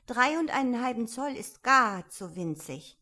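A woman doing a timid, higher-pitched little girl. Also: lively intonation, a little slow, pushed and bright, exaggerated voice. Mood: anxious. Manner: higher, eager, slightly tearful. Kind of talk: audiobook character voice.

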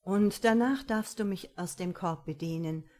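A woman voicing a gentle, teasing man courting a young woman, speaking low and murmuring in an audiobook. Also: measured pace, natural voice. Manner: soft, low, murmuring delivery. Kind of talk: audiobook character reading.

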